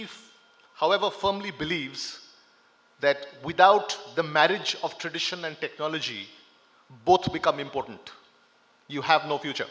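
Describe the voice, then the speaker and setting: A man's voice: mid-range voice, a bit bright. A man with a mid-range voice reads out a guest speaker's introduction. He jokes along and trips over his words now and then. The long reverb of a large hall hangs on every word. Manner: jokey, stumbles over words. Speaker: event emcee.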